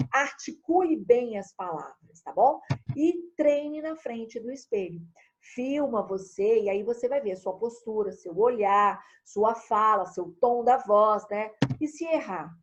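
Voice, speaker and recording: A Brazilian woman teaching an online class in a lively, chatty way, speaking straight to her students. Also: fairly high pitch, a little slow, lo-fi sound, a little hiss or hum. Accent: Brazilian Portuguese. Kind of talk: recorded online lesson.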